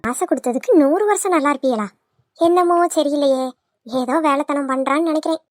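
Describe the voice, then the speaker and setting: A woman doing a sharp-tongued old mother-in-law for a cartoon, scolding and grumbling. The voice sits high yet squeezed down, nagging at everyone around her. It's recorded close and completely dry. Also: brisk, dry recording, faint music behind, natural voice. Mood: suspicious. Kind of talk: cartoon voice acting.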